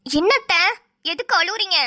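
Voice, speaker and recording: A woman's voice: very high voice, expressive, normal speed, sharp tone, full character voice. A woman voicing a sarcastic, fed-up young daughter-in-law in a cartoon, grumbling under her breath. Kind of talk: cartoon voice acting.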